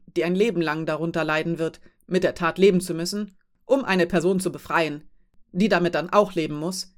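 A woman reading an audiobook voices a huge, calm female ship captain who gives orders in a factual, firm tone. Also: lowish voice, close to an everyday voice. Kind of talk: audiobook character voice.

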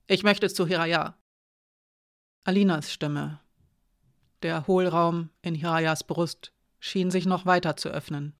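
Audiobook narrator, measured scripted reading, dry close sound. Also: mid-range voice, dry recording.

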